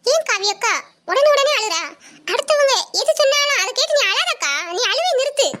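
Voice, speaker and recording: A cheeky young woman in a cartoon skit teases the men of the family nonstop, as a woman acts her out. Her voice is very high and bright, and a faint hiss sits underneath it. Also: animated, normal speed, heavily acted. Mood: comforting. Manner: teasing, chatty.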